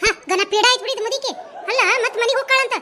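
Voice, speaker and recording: A woman voicing cartoon village women, north karnataka kannada accent, very high pitched, fast, bantering. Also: sharp tone. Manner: quick, shrill, bantering dialect chatter. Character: bickering village women, a landlady and her helpers. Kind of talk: cartoon voice acting.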